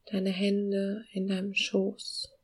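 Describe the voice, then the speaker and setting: A woman guiding a meditation in a soft, hushed, soothing near-whisper with long pauses and a breathy voice. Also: medium pitch, monotone. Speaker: podcast host guiding a meditation.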